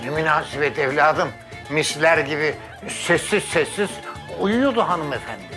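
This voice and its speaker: A man's voice: fairly high pitch, moderate pace, over music, lightly acted. An actor playing a mild, fussy barber father in his sixties in a sitcom. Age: 60s. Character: good-natured older male barber, fussy. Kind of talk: sitcom acting.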